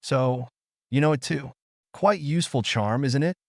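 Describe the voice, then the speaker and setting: A man's voice: mid-range voice, a little slow, no echo, studio quality, pitched above the performer's own voice, lightly acted. A man doing a cold, cutting young wizard. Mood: smug. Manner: calm, cutting, knowing. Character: cool, secretive young male wizard, harsh and controlled. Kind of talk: audiobook character voice.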